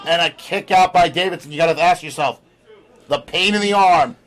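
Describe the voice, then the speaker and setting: A man's voice: on the high side, normal speed, fairly bright tone. A man working as a lucha libre announcer, giving live play-by-play and calling wrestling moves in short bursts. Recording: crowd noise behind commentary. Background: live crowd.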